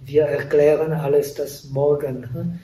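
A Buddhist monk gives a dharma talk in a roomy hall, picked up by a microphone set some distance away. His mellow voice stays flat and unhurried. He speaks halting, non-native German full of pauses and fillers. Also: a little high. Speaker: Buddhist monk teaching meditation. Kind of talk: dharma talk at a meditation retreat. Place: retreat meditation hall. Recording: echoey room, voice from a distant mic.

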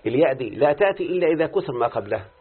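A man's voice: a little high, expressive. A man with an Egyptian accent teaching Quranic readings and Arabic grammar in a live lesson, checking that his student follows with frequent questions. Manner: quick explaining, checking understanding with questions. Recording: tinny phone-like lo-fi recording.

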